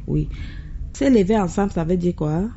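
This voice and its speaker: A woman hosting a radio language lesson, slowly repeating words after a guest to learn their pronunciation. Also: on the low side, warm tone, highs cut off, a little hiss or hum. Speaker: radio host.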